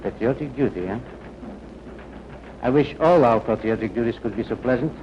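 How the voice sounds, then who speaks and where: A man's voice: mid-range voice, normal speed, close to an everyday voice. An actor playing a probing, officious wartime checkpoint policeman in a 1940s film. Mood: wry. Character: suspicious, nosy wartime checkpoint policeman, man. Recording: dull, hissy 1940s film soundtrack.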